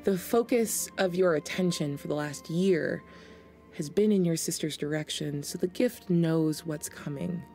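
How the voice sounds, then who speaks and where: A middle-aged woman acts as game master, narrating a tabletop role-playing game in an indoor studio dressed up as a tavern. Her voice is low and dark in tone, her pace measured, with soft music playing in the background.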